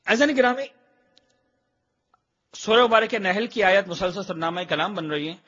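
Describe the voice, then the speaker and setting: A man with a high, bright and slightly husky voice teaches a religious class. He explains things emphatically and drops English phrases in as he goes. The recording sounds dull and lo-fi. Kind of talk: religious lecture.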